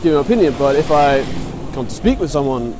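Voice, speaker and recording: A young man, a student answering a street interview in halting, searching English. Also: fairly high pitch, very animated, background noise. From Iceland. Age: young adult.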